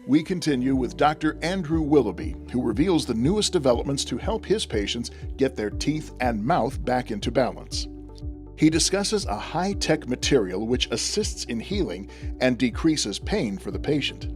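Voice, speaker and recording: A male narrator delivering scripted segment narration in a smooth, announcer-like way. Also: mid-range voice, big pitch swings, moderate pace. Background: faint music.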